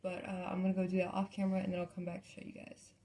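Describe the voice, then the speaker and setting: Low, creaky young woman, mouth recovering from wisdom teeth surgery. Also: monotone, very fast, warm tone. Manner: informal, apologetic, thinking aloud. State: mouth recovering from wisdom teeth removal a few days earlier. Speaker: makeup tutorial vlogger. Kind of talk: casual chatty makeup tutorial.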